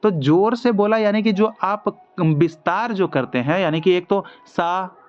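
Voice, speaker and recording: A man's voice: high voice, normal speed, dull audio. A man teaching a music exam lesson, walking through multiple-choice questions step by step and asking himself rhetorical questions as he explains. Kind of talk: online MCQ lesson.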